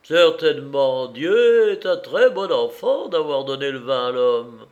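A man voicing a loud, tipsy male reveler who declaims boisterously, slowly and with raised pitch. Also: expressive, muffled recording, lightly acted. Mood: drunken bluster. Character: loud drunken male reveler hunting his glass.

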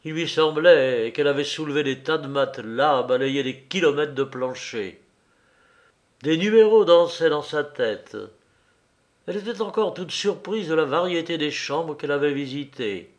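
A man reading a novel aloud as narrator, in measured, unhurried storytelling. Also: fairly high pitch.

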